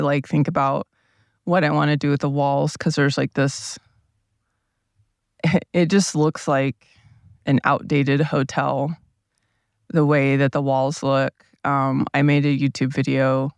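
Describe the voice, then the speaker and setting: A man hosting a casual solo podcast from inside a parked RV, rambling along in a relaxed, meandering way with his low morning voice. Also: slow, gravelly, long pauses, clean tone, dry recording, clean studio sound. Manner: meandering, relaxed, thinking aloud with many asides. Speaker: podcast host. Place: seated at a table inside a parked RV. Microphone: small mic powered by a tablet.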